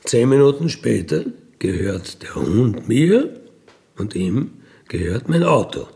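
His voice sits in the mid-range, slow and gravelly with a warm tone and big swings in pitch. This middle-aged Austrian man, once a burglar, narrates his life casually for a radio feature, colloquial, matter-of-fact and without apology.

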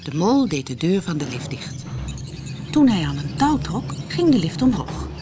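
A woman reading a children's story aloud as an expressive storyteller, sometimes dropping to a hush. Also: lowish voice, normal speed, music in the background. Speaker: audiobook narrator.

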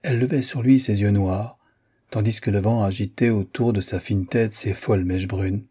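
Male audiobook narrator, husky dark low voice, voices characters. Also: fairly even intonation, moderate pace. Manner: acts out each character with raised pitch. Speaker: audiobook reader. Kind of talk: scripted narration.

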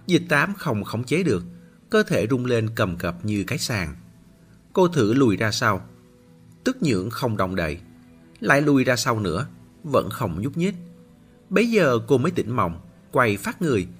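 A man narrating a novel as an audiobook, expressive and lively. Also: medium pitch.

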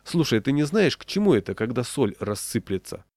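A man voicing a dreamy, excitable city man who sighs and mutters, then bursts into excited shouts. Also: medium pitch, fairly quick, no echo, studio quality. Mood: bemused. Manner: sighing exclamations, sudden excited shouts. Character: dreamy, excitable middle-aged man, easily distracted.

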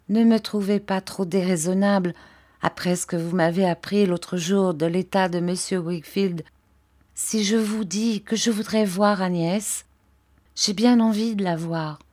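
A woman voicing a gentle young husband who speaks to his wife in a low, hushed and tender way. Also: slow pace, long pauses. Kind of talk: audiobook character voice.

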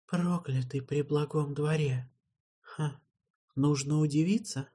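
A man voicing a sly, fawning necromancer courtier who speaks softly and suavely, with a husky voice. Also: fairly high pitch, slow pace, pitched above the performer's own voice. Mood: silky. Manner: soft, suave, quietly flattering.

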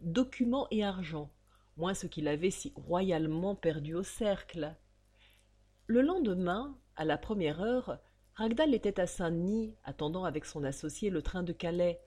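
A woman narrating an audiobook in a measured, expressive way. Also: lowish voice, husky.

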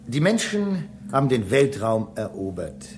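In a German radio drama, a man plays a human space-station engineer, explaining things emphatically, impatiently and in a lecturing mood. His mid-range voice swings widely in pitch at a slightly slow pace, with a little hiss or hum in the recording.

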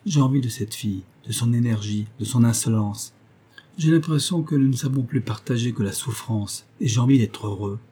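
A man's voice: medium pitch, moderate pace, mellow, breathy edge, close to an everyday voice. A man voicing Brugh, a vain, sarcastic man who taunts his lover. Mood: weary.

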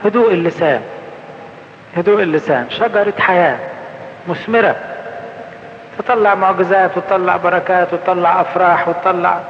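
A high-voiced man with an Egyptian accent delivers a colloquial sermon, putting questions to his listeners and then answering them. He slows down for the scripture quotations. The sound is a little dull and rings through a large reverberant hall. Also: slight background noise. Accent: Egyptian Arabic. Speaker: priest. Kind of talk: conference sermon.

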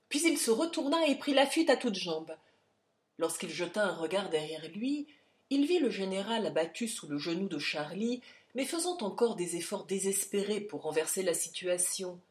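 A woman narrating a classic story as an audiobook reader, in an expressive reading manner. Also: fairly low pitch. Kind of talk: scripted narration.

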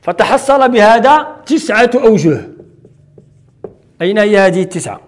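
High-voiced Moroccan sheikh teaching recitation. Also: male voice, expressive, normal speed. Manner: explains step by step, asking and answering his own questions. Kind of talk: classroom lecture.

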